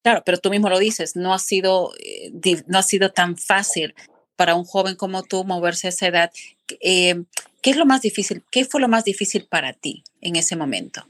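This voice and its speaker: With a lowish voice at normal speed, a podcast host eases into a casual interview, asking warm-up questions chattily and often restarting her sentences amid plenty of fillers.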